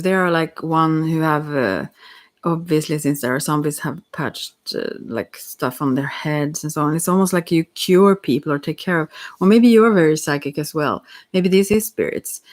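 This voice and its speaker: Soft-spoken tarot reader, gentle and meandering. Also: mid-range voice. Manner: soft-spoken and meandering, with many pauses and restarts; addresses the listener directly and gently.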